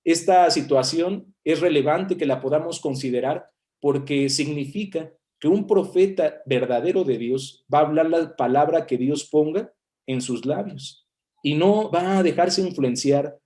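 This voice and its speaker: A man with a Mexican Spanish accent preaches from the Bible, working through the verses aloud and explaining them one by one. His voice sits fairly high but sounds warm and mellow. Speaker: minister. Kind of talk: sermon.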